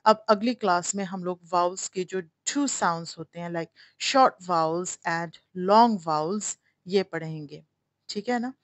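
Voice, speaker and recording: A woman's voice: on the low side, dry recording. Chatty woman teaching English phonics. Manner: chatty, digressive, sounds out letters slowly. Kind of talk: casual Urdu-English language lesson.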